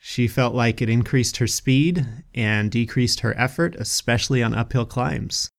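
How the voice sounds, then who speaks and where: A man's voice: medium pitch, normal speed, gravelly. A man co-hosting a hiking podcast in easygoing casual chat, chuckling often between remarks. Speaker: podcast co-host.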